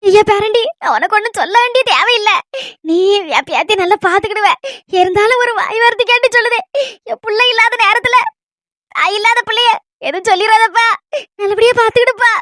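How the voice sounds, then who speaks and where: Lady doing a fussy old village granny from kanyakumari, high bright voice, talks fast and rambles on with endearments, dry close sound. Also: animated, no echo, exaggerated voice. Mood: fond. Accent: Kanyakumari Tamil. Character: chatty, doting old village grandmother. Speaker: grandmother visiting her married granddaughter. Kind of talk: comedy skit.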